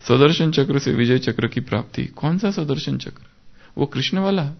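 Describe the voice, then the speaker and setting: A man giving a devotional class, animated and acting out his own inner self-talk. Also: mid-range voice, normal speed, gravelly, dull audio. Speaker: spiritual teacher.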